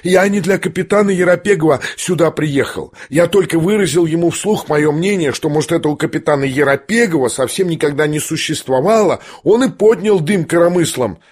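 A man's voice: mid-range voice, very animated, normal speed, few pauses. A man voicing a sickly young man who talks in a needling, mocking tone. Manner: sneering, needling.

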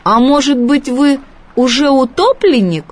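A woman's voice: sits high, big pitch swings, slow, voice pushed up, full character voice. A woman putting on a huffy haughty big fish. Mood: suspicious. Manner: huffy, indignant, snorting. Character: big prim touchy fish, fussy and haughty. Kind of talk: storybook reading.

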